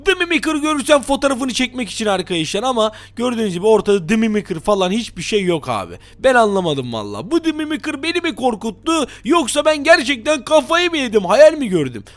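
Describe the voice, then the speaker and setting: A man hosting a gaming channel, narrating a Minecraft role-play excitably and talking to his viewers. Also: very high voice, fast, hardly any pauses. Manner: excitable, jumpy, talks to viewers.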